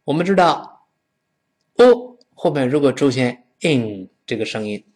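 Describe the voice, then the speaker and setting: A man a lilt and teaches English pronunciation, a voice that rises and falls widely. His pitch sits in the middle for a man. He models words slowly and has listeners read along after him. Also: sing-song, a little mellow. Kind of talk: explaining English pronunciation to learners.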